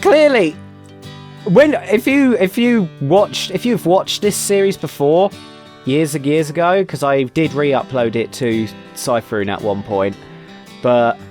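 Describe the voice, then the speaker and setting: A man's voice: fairly high pitch, unhurried, a little mellow, soft background music. A man reacting to his own old video, laughing at himself and exclaiming. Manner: self-mocking, exclaiming. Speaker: channel host.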